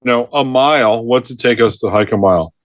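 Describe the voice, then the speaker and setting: A middle-aged man tells outdoor rescue stories in relaxed conversation, chuckling as he goes and slipping into the voices of the people he met. His voice sits at an ordinary middle pitch. The sound is close and dry, with no room echo. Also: a little fast. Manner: lively storyteller who laughs mid-sentence and acts out quotes. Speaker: retired forest ranger, podcast guest. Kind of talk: storytelling in a casual interview.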